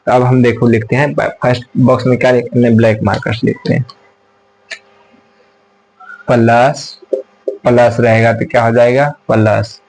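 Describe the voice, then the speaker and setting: A man's voice: mid-range voice, level tone, moderate pace, long pauses, darkish tone, rough recording. A man teaching a math class at a whiteboard, repeating his points and asking and answering his own questions, sometimes turning away from the camera.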